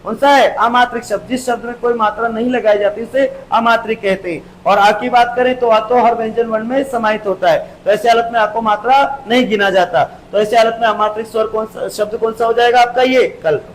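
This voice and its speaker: A male teacher giving an exam-prep grammar lesson, explaining step by step, repeating key terms and drawing sounds out slowly. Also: very high voice, steady tone, slight background noise, low-quality recording.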